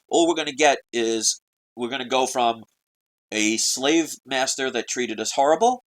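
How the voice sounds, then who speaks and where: A man's voice: medium pitch, a bit bright, low-quality recording. Man, video blogger, ranting monologue, urgent, preachy, rhetorical questions. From United States.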